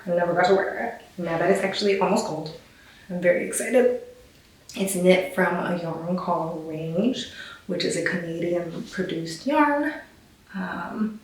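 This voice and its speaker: A young woman from Taiwan chats eagerly to camera as host of a knitting show, her voice sitting a little low. She sounds set back from the microphone in a strongly echoing room, with a faint hiss underneath. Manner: chatty and enthusiastic, rambling asides. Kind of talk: casual chat to camera. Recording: very echoey room, distant mic, faint hiss.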